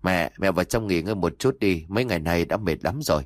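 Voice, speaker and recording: A man voicing a sleepy young daughter who speaks in a drowsy, gentle way. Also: sits low, fast talker, dry recording, studio quality, natural voice.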